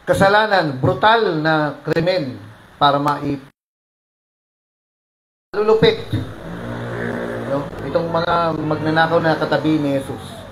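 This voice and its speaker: A pastor preaching a sermon, mixing English phrases into his talk, with sudden loud rises and soft drops. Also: a little high, reverberant, slight background noise, poor audio.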